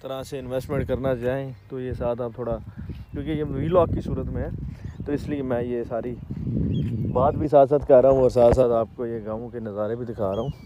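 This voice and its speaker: A man in his thirties, a real estate vlogger with a Pakistani Punjabi accent, gives walking commentary outdoors among farm fields, recorded on a phone camera at arm's length. His voice is medium-pitched, and the sound is lo-fi with background noise.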